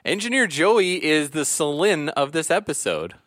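A man's voice: fairly high pitch, animated, normal speed, a bit bright, no room sound, clean studio sound. A man hosting a podcast in a casual, chatty style. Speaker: podcast host. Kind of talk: casual chat.

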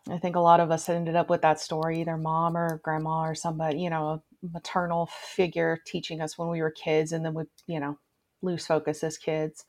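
Guest voice: woman in her thirties, lowish register with a gravelly fry, chatty, animated storyteller. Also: fairly quick. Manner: lively storyteller, acts out quoted voices. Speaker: podcast guest, crochet tech editor. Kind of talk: casual podcast chat.

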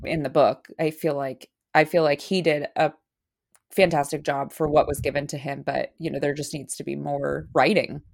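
Woman with a real low voice on a chatty podcast, kinda hesitant, thinks out loud. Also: level tone, normal speed, vocal fry. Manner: thoughtful, hesitant with fillers. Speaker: podcast co-host. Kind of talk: casual chat.

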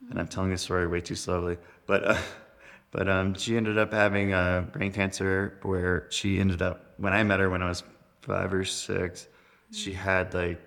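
A man's voice: low voice, flat delivery, normal speed, fairly bright tone. A young man telling stories as a podcast guest, rambling with lots of fillers and laughs. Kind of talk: casual storytelling chat.

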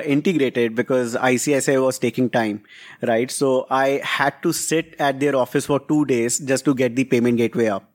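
A startup founder with a North Indian accent answers interview questions conversationally, his medium-pitched voice carrying a darkish tone. He switches between English and Hindi and keeps checking in with "right?"

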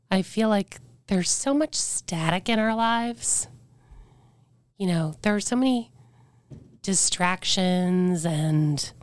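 A woman in her forties with a hoarse, weakened voice, telling her story as a podcast guest in a candid, reflective way. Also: fairly low pitch, darkish tone, no echo. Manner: earnest, reflective, breaks into faint whispers.

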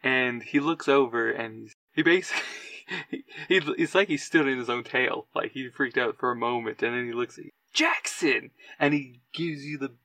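Gravelly, bright-voiced game master. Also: male voice, medium pitch, fairly quick, few pauses, dry recording. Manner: animated, laughs often. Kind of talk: narrating a tabletop game.

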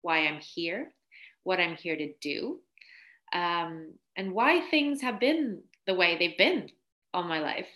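A woman's voice: on the low side, expressive, takes it slowly, bright, forceful tone. A woman guest on a podcast interview, telling her story in a chatty way, laughing often and filling with "like". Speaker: podcast guest, spiritual coach.

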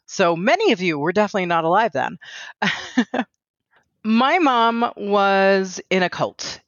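A woman's voice: lowish voice, a bit bright, no echo. Chatty woman hosting a solo podcast. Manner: chatty and candid, with many fillers like "like" and "um". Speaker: podcast host. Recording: dry, slightly dull lo-fi sound.

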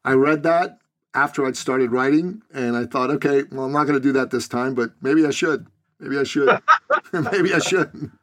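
A man from Iran hosting a casual podcast interview, easygoing and quick to laugh at himself. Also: mid-range voice, fairly bright tone. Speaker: podcast host.

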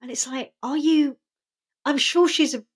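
A woman's voice: high-pitched, fairly even intonation, a little slow. A woman co-hosting a podcast, chatting casually as she retells and quotes scenes from an episode. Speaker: podcast co-host. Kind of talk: casual chat recapping a TV episode.

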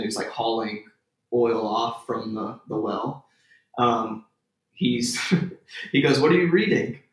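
A man from Texas, a theater-maker guest in a conversational interview, rambling with lots of "like" and restarts, getting animated as he tells stories. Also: lowish voice. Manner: rambling, heavy on "like", restarts often, grows animated telling stories. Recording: echoey room.

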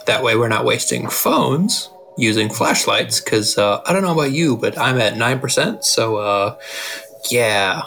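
A man's voice: medium pitch, animated, measured pace, creaky, fairly bright tone, a little hiss or hum. A man playing in a tabletop game, describing his character's actions in a casual way. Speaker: player.

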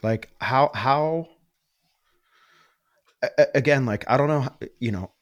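A man's voice: mid-range voice, unhurried, no room sound, studio quality. A man hosting a casual podcast chat, enthusiastic and rambling, full of "like" and swearing. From Western Pennsylvania. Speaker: podcast host.

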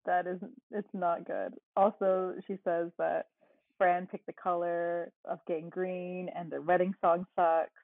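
A woman's voice: fairly low pitch, flat delivery, measured pace, dry recording. A woman co-hosting a podcast, casually recapping a movie plot with dry asides. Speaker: podcast co-host. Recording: tinny phone-like line.

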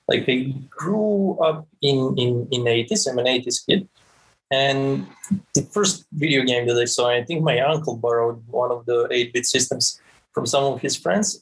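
A man's voice: mid-range voice, breathy edge, rough recording. A man, a podcast guest who talks with many stammered restarts and repeated words. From Serbia. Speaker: guest, game creative director. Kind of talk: podcast interview.

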